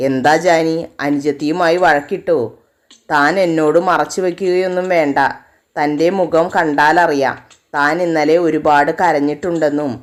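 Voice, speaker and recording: Caring male teacher, soft and concerned, lowish tone; woman narrator voices him. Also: lightly acted.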